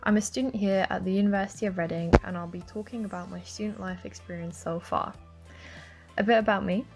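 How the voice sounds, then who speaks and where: Gravelly-voiced young woman student narrating. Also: medium pitch, fairly even intonation, fairly quick, loud music behind the voice. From Lithuania. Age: 20s. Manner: friendly, earnest, encouraging. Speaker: university student. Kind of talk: scripted voice-over narration.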